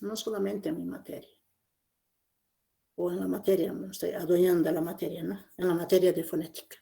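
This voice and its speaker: A woman's voice: medium pitch, gravelly, mellow. Lady teacher walking a class through phonetics, repeats stuff, keeps asking "¿no?". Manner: explanatory, repeats key points, checks with "¿no?". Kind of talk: classroom lecture.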